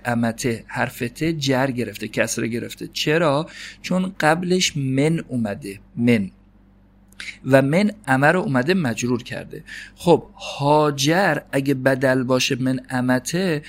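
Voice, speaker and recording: A man giving an Arabic grammar lesson. He reads the Arabic text slowly and explains it quickly, asking questions and answering them himself. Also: mid-range voice. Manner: slows down to read Arabic text, then explains quickly in Persian. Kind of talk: classroom lecture.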